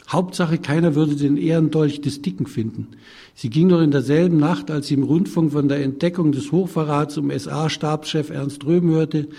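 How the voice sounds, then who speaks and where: Older man reading his book aloud, husky. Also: fairly high pitch, warm tone. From Germany. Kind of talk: public reading to an audience.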